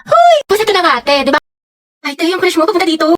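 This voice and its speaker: A woman's voice: very high-pitched, rapid-fire, a bit bright, dry recording, studio quality. A woman acting out a comedic school skit, teasing and gossipy in manner.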